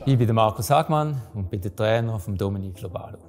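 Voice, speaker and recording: Swiss running coach explaining earnestly. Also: male voice, lowish voice, lively intonation, fast talker, over music. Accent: Swiss German. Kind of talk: documentary interview.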